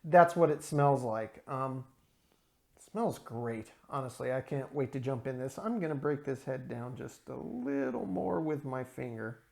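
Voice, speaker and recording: A man's voice: mid-range voice, expressive, measured pace, creaky, darkish tone. A man hosting a casual video beer review, talking in a chatty, explanatory way with frequent ums and uhs. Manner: careful with pronunciation, drawn out.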